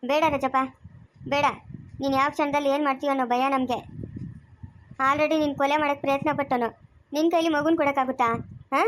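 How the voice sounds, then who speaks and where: A woman acting a stern, sharp-tongued lady of the house who refuses to hand over the baby, with a Chikkaballapur Kannada accent, in an amateur family drama. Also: sits high, steady tone, a little fast, pauses often, slight background noise, close to an everyday voice. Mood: scolding. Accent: Kannada of Chikkaballapur area. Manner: scolding, commanding, sharp-tongued.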